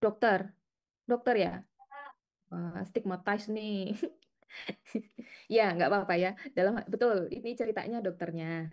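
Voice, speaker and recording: A woman's voice: medium pitch, a little slow, pauses often. Chatty coaxing woman lecturer. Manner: lively, chatty, coaxing students, laughing often. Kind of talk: interactive class teaching.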